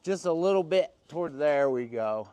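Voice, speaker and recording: A high-voiced man laughs his way through casual shop talk, lively, jokey and excitable, at a moderate pace with a clean tone. He hosts a vlog alongside his crew in a shop and yard, sometimes outdoors, using a worn mic he is unsure is picking him up.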